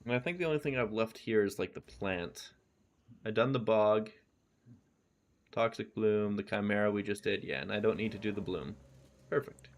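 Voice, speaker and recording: Speaking at a moderate pace with a fairly low voice, a man whose first language is English streams a game and chats loosely with viewers, rambling between game callouts.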